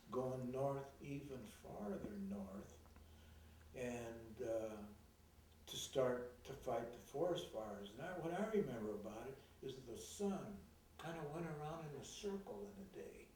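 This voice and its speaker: Man, halting storytelling, old cassette tape, very slow, big echo. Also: medium pitch, warm tone, a little hiss or hum. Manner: halting, with many fillers and restarts. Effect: old cassette tape recording. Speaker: interviewee recalling his youth. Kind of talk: rambling personal reminiscence. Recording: very echoey, distant from the mic, old cassette tape.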